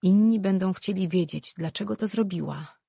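An audiobook narrator reading a fantasy novel in a steady, measured way. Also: mid-range voice, vocal fry, slightly rough, no echo, studio quality.

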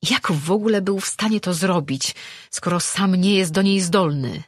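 A narrator voicing an anguished young man in a fantasy audiobook. He pleads and accuses by turns, his voice slightly husky and close, with no room around it. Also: medium pitch, normal speed, dry recording, close to an everyday voice. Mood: desperate. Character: desperate young man who is a created being. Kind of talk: audiobook reading.

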